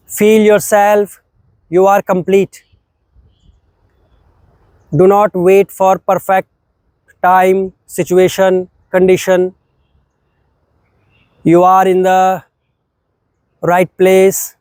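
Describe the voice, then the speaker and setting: Slow, calm man guiding breathing. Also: sits high, dry recording. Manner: slow, calm, short phrases with long pauses. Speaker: yoga teacher. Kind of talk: guided breathing meditation.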